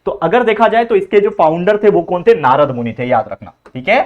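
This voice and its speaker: Young guy teacher, pretty high voice, casual exam prep, keeps repeating answers. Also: very animated, brisk, lo-fi sound. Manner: chatty, repeats answers for memorizing. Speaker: tutor.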